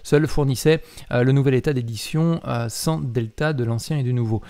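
A man, a mobile app developer, talking casually about a software update, hesitant with many filler sounds and self-corrections as he reads and comments. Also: medium pitch, normal speed, smooth. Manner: reads aloud while commenting. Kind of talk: casual explanatory talk.

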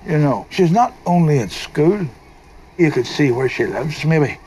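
An older man with a Northern Irish accent playing a gentle, wise, teasing grandfather in a film drama, soft-spoken and wry. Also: on the high side, very animated, a little slow, a little hiss or hum, poor audio.

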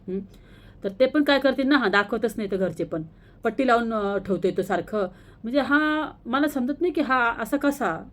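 A woman's voice: medium pitch, a bit bright. Middle-aged woman from Maharashtra, family vlogger, chatty and worried in tone, mid-range voice. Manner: worried, emotional storytelling. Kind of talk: casual vlog talk.

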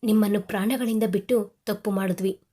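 Older father voiced by a woman, alarmed, husky, audio story. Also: mid-range voice, steady tone, a little fast, warm tone, close to an everyday voice. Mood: angry. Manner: alarmed, then angry. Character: anxious older father of the family.

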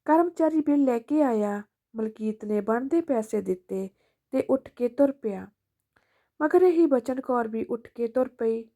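A woman narrating an emotional family story in a calm, steady way. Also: on the high side, measured pace.

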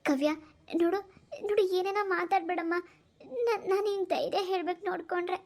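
Cartoon role: high-voiced middle-aged mom, soothing and guilt-ridden, played by a woman. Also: quick pace, a little mellow. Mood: consoling. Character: middle-aged mother, comforting her daughter. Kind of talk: cartoon voice acting.

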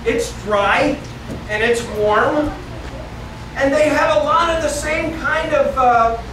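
A man's voice: very high-pitched, slow pace. A middle-aged man from the northeastern United States teaching a Bible lesson to children, telling the story and asking them questions as he moves about a church classroom. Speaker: children's Sunday school teacher. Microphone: far camera. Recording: echoey room from far off with noisy background.

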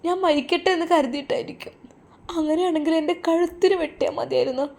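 A woman voicing a heartbroken young wife in a storybook tale, pleading and softly sobbing, with a Malappuram Malayalam accent. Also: high-pitched, measured pace, pitched above the performer's own voice.

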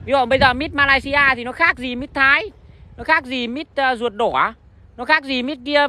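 A man's voice: very high-pitched, sharp tone. A man giving blunt, casual commentary on a walk through an outdoor plant nursery, swearing and joking as he talks. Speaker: vlogger touring a fruit tree nursery.

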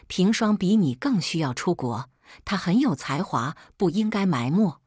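A woman's voice: lowish voice, expressive, moderate pace, darkish tone, breathy edge, no room sound, clean studio sound. A woman voicing a cold, proud wealthy young husband in a storybook, speaking curtly. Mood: cool.

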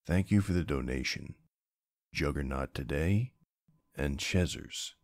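Very deep-voiced, flustered young streamer boyfriend played by a man. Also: gravelly, darkish tone, no echo, clean studio sound, full character voice. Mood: affectionate, confident. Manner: teasing, easily flustered, affectionate. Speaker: roleplay voice actor. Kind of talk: boyfriend role-play, casual livestream chat.

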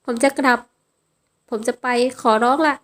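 A woman voicing a slight, frightened young man who pleads slowly and meekly in a spoken romance story. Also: fairly bright tone, lightly acted. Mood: pleading.

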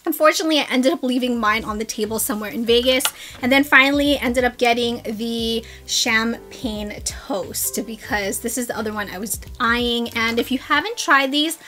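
Fairly high-pitched and a little bright, this woman talks at a normal speed over soft background music. A young vlogger, she's recording a casual haul chat from her home vanity-and-desk setup, cheerfully raving about beauty purchases.

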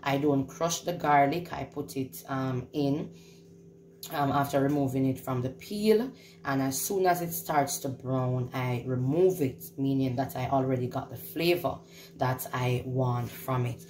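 Speaking from a home kitchen, this home cook leads a relaxed cooking demonstration, repeating phrases to stress her instructions. Her voice rumbles low with a darkish tone and an unhurried pace, in a roomy, noticeably noisy recording.

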